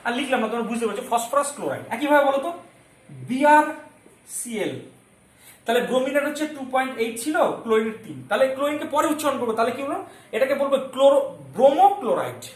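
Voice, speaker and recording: A male chemistry teacher giving a lesson, constantly quizzing his students and repeating key terms slowly so they stick. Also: very high voice, sing-song. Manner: keeps asking the class questions and checking they follow. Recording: echoey room with faint ambience.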